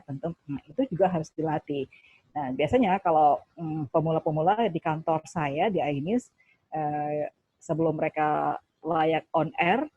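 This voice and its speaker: A woman TV news presenter explaining vocal training, with a measured broadcaster-like delivery. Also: sits low, mellow, breathy edge, no room sound, lo-fi sound. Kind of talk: workshop talk.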